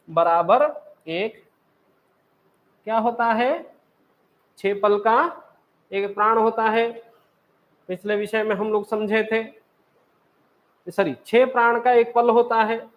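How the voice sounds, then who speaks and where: A man's voice: high voice, steady tone, slow pace, pauses often, dull audio. A man teaching a class, explaining step by step and asking and answering his own questions. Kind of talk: classroom lecture.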